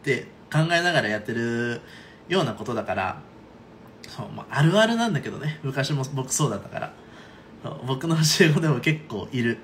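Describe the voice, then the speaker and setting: A man's voice: mid-range voice, very animated, brisk, a bit bright, slight background noise. A man teaching singing in a casual online lesson, chatty and checking in often with his students. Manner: chatty, frequent "right?" and "okay?" check-ins. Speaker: voice coach.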